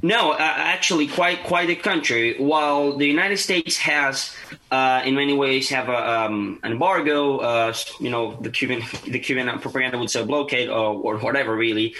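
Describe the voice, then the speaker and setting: Bright-voiced young Venezuelan man. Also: mid-range voice, moderate pace, a little hiss or hum, low-quality recording. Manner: earnest, many fillers and restarts. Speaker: guest. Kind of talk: podcast interview.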